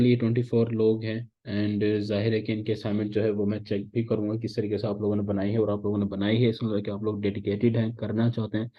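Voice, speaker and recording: A man from Pakistan teaching a class of interns, explaining patiently and mixing in English phrases. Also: on the low side. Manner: explains patiently, repeats "ठीक है" often, mixes English phrases. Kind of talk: online class lecture. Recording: dull lo-fi sound.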